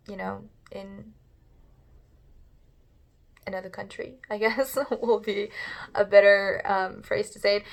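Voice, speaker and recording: A talkative young woman in her twenties from Kazakhstan with a Kazakh accent, English not her first language, chatting casually to camera with lots of fillers and restarts. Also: mid-range voice. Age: 20s. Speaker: YouTuber, English learner.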